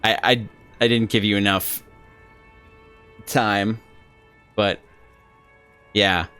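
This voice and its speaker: A man chatting casually with his viewers during a live game stream, halting and talkative. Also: fairly low pitch, steady tone, sharp tone, smooth, soft background music.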